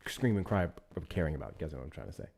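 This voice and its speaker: Very deep, gravelly and husky, this livestream host's darkish voice moves in a sing-song way at a very fast clip. He chats casually with his viewers, thanking them for gifts and saying things more than once.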